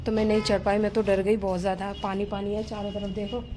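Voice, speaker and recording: Woman vlogger, hushed casual chat, mid-pitched, phone-recorded while walking around the house. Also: flat delivery, quick pace, noisy background. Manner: hushed, low-volume talk so as not to wake a sleeper. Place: at home and up on an unfinished rooftop.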